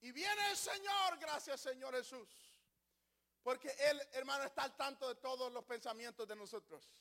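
An older male pastor delivers a sermon in a high, bright, forceful voice. He swings between shouted praise and quiet, confiding asides, slipping into small acted-out voices. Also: normal speed, vocal fry.

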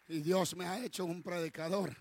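A male preacher delivering a sermon, swinging from quiet asides to shouted declarations and slipping into English phrases. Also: high voice, vocal fry. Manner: dramatic, slips into English phrases.

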